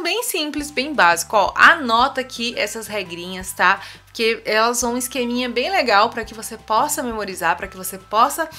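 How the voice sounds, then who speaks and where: A woman's voice: a little high, bright, forceful tone. A woman with a Brazilian Portuguese accent teaching an online English lesson, explaining patiently and often checking in with the viewer. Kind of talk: online tutorial explaining rules.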